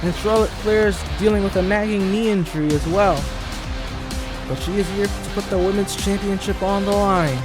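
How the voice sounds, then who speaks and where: High-voiced excitable wrestling commentator man. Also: moderate pace. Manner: excitable, rises to shouts on big moves. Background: music.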